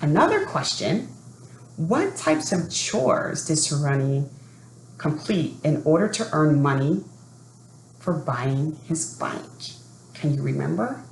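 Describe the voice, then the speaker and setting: In an echoey room with faint background noise, a woman educator reads a children's book aloud at a slow pace, her voice sitting low with vocal fry. Deliberate and expressive, she poses questions to the children and speaks to families during the storytelling.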